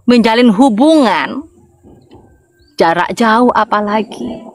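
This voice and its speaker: A woman evangelist with a Madurese accent preaches in a loose, conversational way. Her voice sits a little high, and she keeps checking in with her listeners as she talks. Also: low-quality recording. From Madura, Indonesia. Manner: lively, chatty preaching with call-and-response to listeners. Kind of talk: informal sermon.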